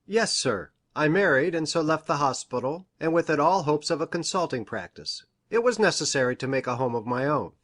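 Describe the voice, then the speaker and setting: For an audiobook, a woman voices an eager, eccentric male country doctor and scientist, pitching her voice low and giving him a lively, swooping delivery. He is pedantic and formal, earnest and effusive, taking great care over exact wording, and speaks fairly quickly with hardly any pauses. He sounds earnest and puzzled.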